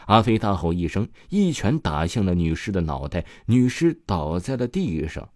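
A man's voice: low voice, sing-song, normal speed, a little mellow, no room sound, studio quality. A man narrating a horror story with dramatic, suspenseful pacing.

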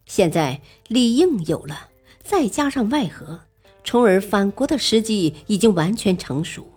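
A woman narrating a serialized history story in a slow, dramatic storytelling manner. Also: mid-range voice, animated, darkish tone, breathy edge, soft background music.

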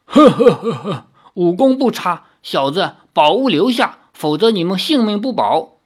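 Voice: mid-range voice, sing-song, a little slow. A storybook narrator voicing a sly, cold old male tree-demon hermit who speaks in a mocking, chuckling way. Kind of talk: audiobook reading.

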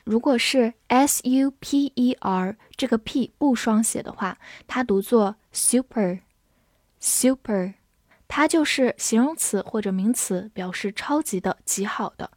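A woman teaching English vocabulary in a scripted lesson, spelling each word letter by letter and reading example sentences slowly. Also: on the high side, darkish tone, dry recording, clean studio sound.

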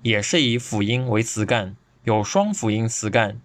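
A man's voice: fairly low pitch, no room sound. Man reading a lecture in a dry studio. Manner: steady, measured reading from a script. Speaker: guest podcast presenter. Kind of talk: scripted podcast lecture.

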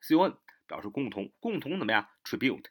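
A man teaching English vocabulary in a patient, repetitive way, spelling words out letter by letter with many drawn-out fillers. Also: mid-range voice, sing-song, breathy edge. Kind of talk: mnemonic vocabulary lesson.

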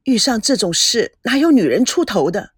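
A woman reading a story aloud, voicing a heartbroken, earnest young groom who is leaving for the army. Her voice is husky and breathy. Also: a little high, very animated, normal speed, no echo, clean studio sound. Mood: pleading.

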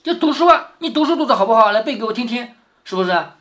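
Dad reading an old novel to his kid, bright voice, goes up and down a lot, keeps asking right?. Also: very high voice, fast talker. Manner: lively, asks "right?" often, acts out quoted lines. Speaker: father reading a classic novel aloud to his daughter. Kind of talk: explaining story to a child.

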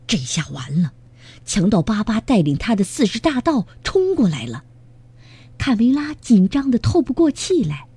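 A woman reading a children's storybook aloud with expressive, dramatic delivery. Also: fairly high pitch, moderate pace, slightly rough, no echo.

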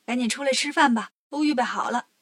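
A woman voicing a bossy demon in a storybook reading, speaking loudly and commanding. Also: high voice, fast talker, no echo, clean studio sound. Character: bossy demon who wants to marry.

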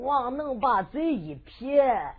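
A woman's voice: high-pitched, very animated, takes it slowly, husky. A woman with a Henan accent narrating a folk tale in rhythmic sung storytelling. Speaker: zhuizi storyteller-singer. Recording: tinny lo-fi recording with faint fiddle music.

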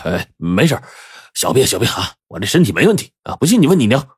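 A stubborn, ailing countryside father, as a male storyteller puts him on, gruff and scolding, with a husky voice a little raised above the teller's own. It sounds dry and close. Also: mid-range voice, very animated, fast talker, no echo, pitched above the performer's own voice. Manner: gruff, scolding, falsely cheerful.

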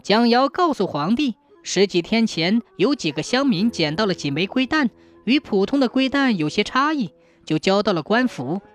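A woman narrates a historical folk tale in a lively, expressive way. Her pitch is mid-range for a woman. Her delivery is animated and swings widely. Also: normal speed. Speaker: storyteller.

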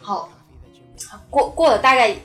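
A woman in a casual podcast chat, telling a story in an animated, rushed way full of restarts. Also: high-pitched, soft background music. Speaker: podcast guest.

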